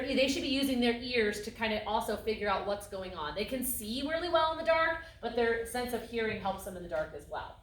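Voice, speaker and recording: Woman teaching about horses, kinda high voice, calm, sounds a bit far from the mic. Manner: calm, explanatory, demonstrates vocal tones. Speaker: instructor. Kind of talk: lecture on horse behavior. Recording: echoey room, mic at a distance.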